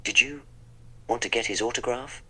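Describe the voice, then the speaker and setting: A man's voice: medium pitch, moderate pace, bright, forceful tone, breathy edge, rough recording. A man voicing the Doctor, a wry, polite eccentric time traveller, in a text-to-speech role-play that narrates his own actions.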